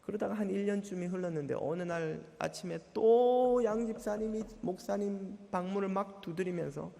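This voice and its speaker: A male pastor telling a story in a sermon, with animated delivery and acted dialogue. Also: high voice, moderate pace, gravelly, in a large hall. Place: church sanctuary.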